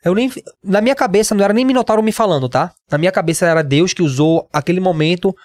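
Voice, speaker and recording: A man in his twenties with a Northeastern Brazilian accent, telling his story as a podcast guest, slangy and animated, acting out what others said. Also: high voice, fast talker, no room sound, studio quality. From Pernambuco, Brazil. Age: 20s. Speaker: guest, MMA fighter.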